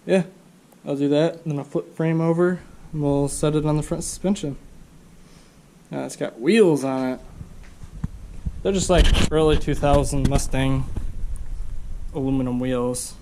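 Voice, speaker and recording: A man's voice: a little high, a little slow, long pauses, low-quality recording. A man with a stuffed-up nose, talking casually and rambling through his work in a home garage workshop. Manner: relaxed, rambling, thinks aloud with fillers. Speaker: car restoration vlogger.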